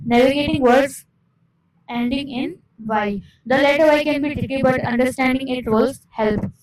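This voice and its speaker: A woman with a voice that sits high and has a darkish tone teaches English spelling rules in Hindi. She reads each English rule slowly, then explains it quickly in Hindi, posing questions and answering them herself; the recording quality is low.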